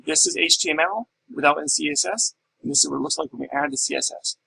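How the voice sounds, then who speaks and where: A man's voice: fairly high pitch, huge pitch swings, fast, vocal fry, bright, forceful tone, slight background noise, low-quality recording. A middle-aged man teaching a class in a recorded lecture, explaining step by step and asking and answering his own questions. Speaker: instructor.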